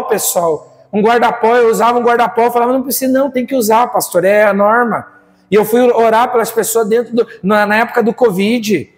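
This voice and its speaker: High-voiced Brazilian pastor preaching passionately. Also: male voice, roomy sound, long reverb tail. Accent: Brazilian Portuguese. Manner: impassioned preaching, rhetorical questions to the congregation. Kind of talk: sermon.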